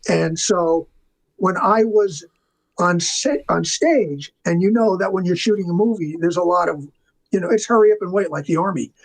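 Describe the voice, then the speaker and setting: Heard in a low-quality recording, an older man with a high voice speaks at normal speed. As an interview guest who worked in film makeup and the art department, he rambles enthusiastically and casually about his career.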